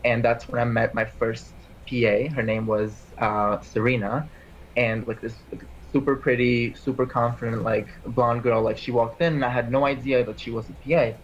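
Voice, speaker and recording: A man's voice: medium pitch, level tone, normal speed, dull audio, slight background noise. A man in his twenties, born in Armenia, talking casually as an interview guest and rambling with lots of "like" and restarts. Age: 20s. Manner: rambling, heavy use of "like" and restarts. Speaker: interview guest, PA school applicant.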